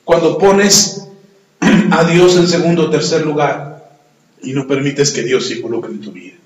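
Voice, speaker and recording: High-voiced pastor preaching in an echoey hall. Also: male voice, a little slow. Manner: storytelling, asks the congregation questions. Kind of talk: sermon. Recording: echoey hall, long reverb.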